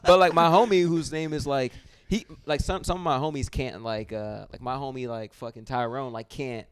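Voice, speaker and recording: A man hosts a podcast in a loose, joking style, cursing freely and breaking into laughter often. His voice is mid-pitched and recorded dry and close. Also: moderate pace, clean tone, dry recording. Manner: loose, profane, laughs easily. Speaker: podcast host. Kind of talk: casual chat.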